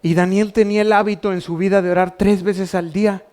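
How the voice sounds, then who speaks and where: Mexican pastor preaching, higher-pitched man. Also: level tone, a little fast, darkish tone. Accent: Mexican Spanish. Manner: preaching with rhetorical questions to the congregation. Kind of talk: sermon. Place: church.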